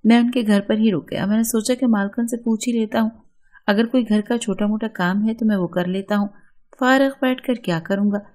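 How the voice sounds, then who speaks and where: A woman with an Urdu accent reading a first-person story in a steady, earnest storytelling manner. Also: medium pitch, normal speed.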